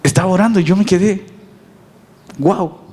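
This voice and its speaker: Man, Mexican accent, pastor, conversational sermon, rhetorical questions, high pitch, reverberant church hall. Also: lively intonation, normal speed, darkish tone.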